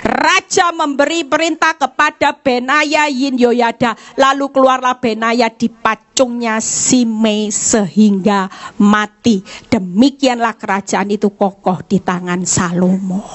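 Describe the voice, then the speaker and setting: A woman evangelist, preaching a lively church sermon, reading scripture aloud and acting out tearful prayers of congregants. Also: slow pace. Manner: animated, mimics congregants in high, tearful voices; addresses congregation directly, reads scripture aloud.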